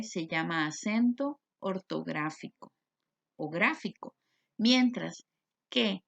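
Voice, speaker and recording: A Costa Rican woman with a mid-range, creaky voice teaches a recorded grammar lesson, explaining step by step and posing questions she then answers herself. The recording is dull and lo-fi.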